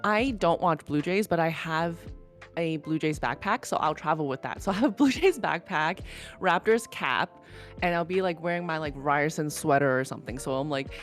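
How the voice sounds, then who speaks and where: A Canadian woman co-hosting a podcast, a lively storyteller who laughs often in casual chat. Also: low voice, normal speed, soft background music. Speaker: podcast co-host.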